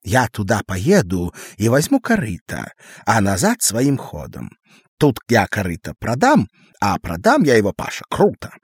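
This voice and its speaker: A rambling schemer with a thin tenor voice, put on by a male audiobook reader. He jumps between high, pushy peaks and lower mutters, lost in his own plans. The sound is close and dry. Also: huge pitch swings, a little slow, breathy edge, dry recording, exaggerated voice. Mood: scheming. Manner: rambling, absorbed, talks over his listener.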